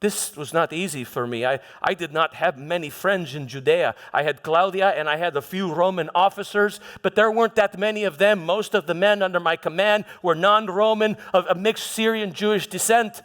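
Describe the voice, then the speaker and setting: In a church dramatization, a man plays a proud, defensive Roman prefect giving a confiding first-person monologue about his deeds. His high-pitched, fairly bright voice is theatrical yet halting, doubling back on words like a soldier justifying himself, and the hall's long reverb rings through the recording.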